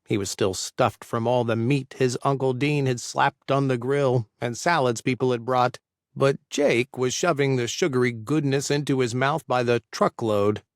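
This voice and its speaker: A man reads an audiobook in a steady, measured way, his voice mid-range. The sound is clean studio audio with no room sound.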